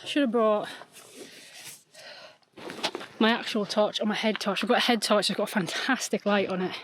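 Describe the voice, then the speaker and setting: A woman's voice: medium pitch, steady tone, quick pace, background noise. A woman vlogging casually, chatting and thinking aloud as she explores outdoors. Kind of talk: casual vlog narration. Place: outdoors and in a small underground cellar.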